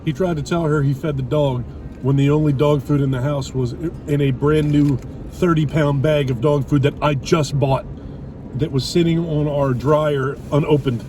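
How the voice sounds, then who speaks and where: A middle-aged vlogger chats casually with his wife over a meal, blunt and opinionated with light swearing. His voice is fairly high, with fairly even intonation at normal speed. A distant mic picks up loud traffic and car noise.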